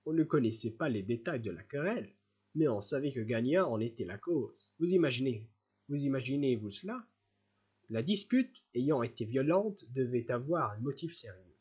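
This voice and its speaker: Un homme lit un grand roman à voix posée et régulière. Sa voix est un peu voilée, et l'enregistrement reste légèrement étouffé. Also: male voice, mid-range voice, expressive, moderate pace, a little mellow, breathy edge, highs cut off. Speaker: audiobook reader. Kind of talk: audiobook narration of a classic novel.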